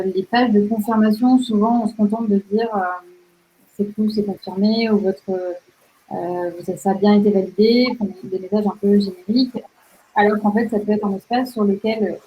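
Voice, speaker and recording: A young adult woman presenting on UX writing in a measured way, with frequent fillers. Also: medium pitch, steady tone, warm tone, a little hiss or hum. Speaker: UX writer presenting. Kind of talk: casual presentation to an audience. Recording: slightly dull lo-fi sound.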